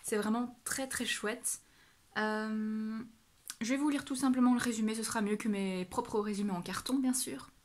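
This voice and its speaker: A woman's voice: fairly high pitch, fairly even intonation, normal speed. A woman giving a casual monthly reading update as a book vlogger. She gushes about what she read and talks off the cuff, often restarting and correcting herself. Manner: gushing and exclamatory about books.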